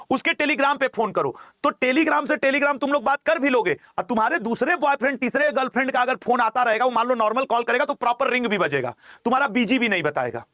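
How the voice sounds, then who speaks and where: Male exam coach, very high voice, dry close sound, jokey lecturing, repeats key terms. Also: pushed and bright, no echo. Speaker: teacher.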